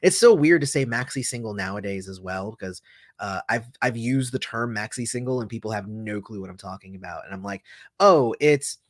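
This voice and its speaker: Answering his livestream chat, this host reads comments aloud and wanders through his responses, often restarting and using fillers. He sounds animated and brisk in a fairly low voice, and the recording is dry and studio-grade.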